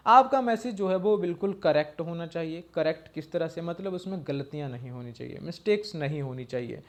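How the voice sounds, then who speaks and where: A man's voice: a little high, a little fast. A man explaining an exam-prep lesson step by step, often checking in with a short "okay" and reading slide lines out in English. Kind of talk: slide-based lecture.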